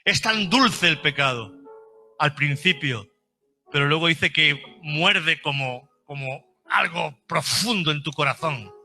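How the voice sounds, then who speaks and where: A man's voice: fairly high pitch, animated, slow pace, creaky, bright, forceful tone, soft background music. A man preaching a fervent sermon at a church service, repeating phrases for emphasis. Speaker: pastor.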